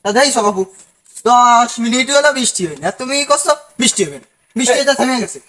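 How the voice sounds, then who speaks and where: A man's voice: extremely high pitch, expressive, quick pace, pushed and bright. Whiny mock-offended man in a village skit. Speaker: comedian in village sketch. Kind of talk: scripted village comedy skit.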